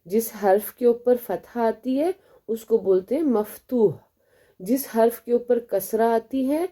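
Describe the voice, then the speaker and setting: A woman with a Pakistani Urdu accent teaching a beginner language lesson. She explains step by step, asks questions and answers them herself, and slows down to spell out each letter sound. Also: medium pitch, mellow. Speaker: Arabic teacher.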